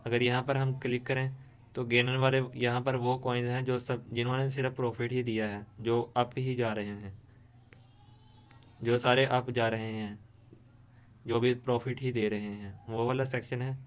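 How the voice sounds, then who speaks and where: Man with a flat, smooth voice. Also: medium pitch, moderate pace. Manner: steady explaining with frequent restarts. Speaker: tutorial host. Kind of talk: screen-recorded tutorial.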